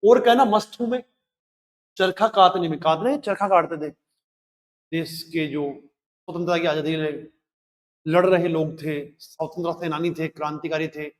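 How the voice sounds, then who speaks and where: A man's voice: a little high, moderate pace, long pauses, long reverb tail. A male Hindi teacher in a live class. He recites lines of a poem and then explains each one, asking rhetorical questions as he goes.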